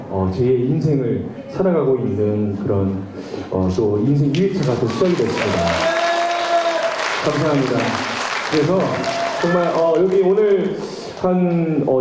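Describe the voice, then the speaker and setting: A trot singer works a crowd of about two thousand in a big concert hall, his stage patter lively and chatty with a rising-and-falling lilt. The booming, echoey hall carries backing music and plenty of background noise, and he sits far from the microphone.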